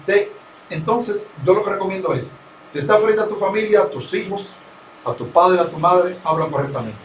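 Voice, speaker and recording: A man's voice: sits high, normal speed, slight background noise. A man with a Dominican accent, an experienced radio broadcaster giving an interview, talking in an emphatic, lecturing way and repeating his key points. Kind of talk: conversational interview, instructive. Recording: roomy, distant mic.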